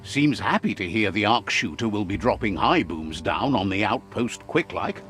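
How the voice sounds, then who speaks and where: With game music in the background, a man guides the player through a video game in wry storybook-style narration. His fairly low voice is expressive and fairly bright, delivered at a moderate pace.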